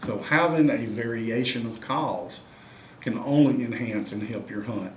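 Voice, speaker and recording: A man's voice: mid-range voice, a little slow. Man, folksy drawl, hunting call tutorial, roomy echo, faint background noise. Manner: folksy, drawling, addresses viewers as y'all. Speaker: turkey call maker and instructor. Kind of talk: demonstration tutorial.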